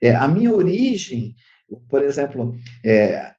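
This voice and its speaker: A man's voice: mid-range voice, big pitch swings, measured pace, warm tone. A Brazilian man, a therapist, explaining his ideas in an interview with many fillers and restarts. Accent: Brazilian Portuguese. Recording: dull lo-fi audio.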